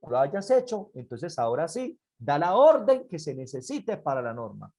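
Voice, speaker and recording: A speaker teaching a church parenting class, earnest and pleading, who repeats key points and slows down to stress single words. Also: mid-range voice, sing-song, warm tone.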